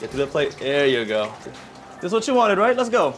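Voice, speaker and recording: A man's voice: a little high, big pitch swings, brisk. A man from the Philippines, an executive chef, coaching a beginner through cleaning fish in a direct, teasing way in a restaurant kitchen. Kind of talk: casual instruction.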